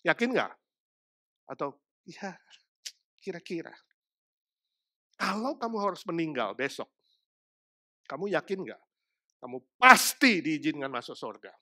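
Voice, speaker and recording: A man, a pastor preaching a sermon to his congregation, moving between loud proclamations and quiet asides. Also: a little high, sing-song, moderate pace, pauses often. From Indonesia.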